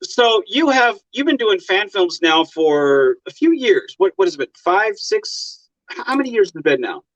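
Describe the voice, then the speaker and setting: A man's voice: high-pitched, sing-song, normal speed, no echo. A man hosting a casual interview, rambling and repeating himself with lots of you-knows. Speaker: interview host. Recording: dry, dull lo-fi mic.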